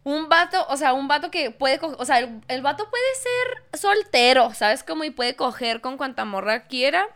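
High bright Mexican woman, teasing. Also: big pitch swings, normal speed, hardly any pauses. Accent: Mexican Spanish. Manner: teasing, crude, laughs loudly. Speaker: podcast co-host. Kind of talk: casual chat.

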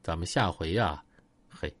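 A man's voice: unhurried, no echo. A man with a Northeastern Chinese accent telling a serialized story and acting out every character's lines. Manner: acts out gangster dialogue in lowered voices.

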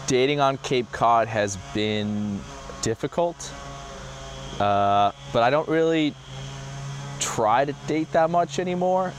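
A man in his twenties answering interview questions casually, halting often with fillers. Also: medium pitch, animated, slight background noise. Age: 20s.

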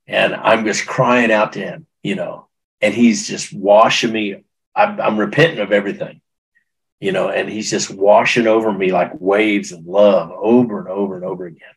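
A man's voice: lowish voice, creaky, slightly rough, poor audio. A middle-aged man recounting a personal testimony in an interview, earnest and emotional, often restarting his sentences. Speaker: guest.

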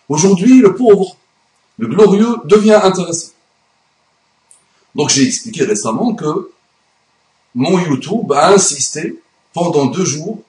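A YouTube commentator whose first language is Arabic delivers an emphatic, indignant monologue about religion on his channel. His voice runs high and a little mellow, and the room gives it a noticeable echo.

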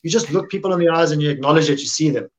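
A man's voice: a little high, racing. A man from Africa, chatting casually on a podcast, earnest and repeating phrases for emphasis. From South Africa. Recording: muffled lo-fi audio.

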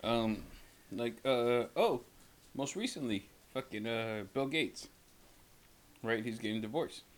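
A man's voice: mid-range voice, expressive, slow. A man co-hosting a casual podcast, talking in a rambling, profane way and swearing constantly. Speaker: podcast co-host. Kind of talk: casual chat.

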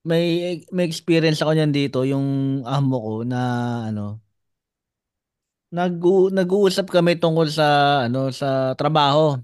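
A Filipino man with a slightly raised voice hosts a relaxed podcast chat, joking and laughing often. The recording is dry and close. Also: fairly high pitch, a little slow, clean tone, no room sound. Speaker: podcast host. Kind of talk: casual chat.

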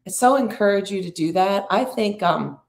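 A middle-aged woman hosting an inspirational talk, speaking in slow, drawn-out, reflective phrases and inviting the listener to breathe. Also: mid-range voice, lively intonation, roomy sound. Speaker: podcast host and spiritual coach.

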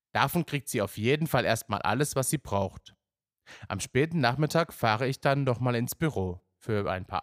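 A man's voice: medium pitch, no echo, studio quality. A man reading a first-person story aloud in a plain, matter-of-fact way. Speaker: narrator.

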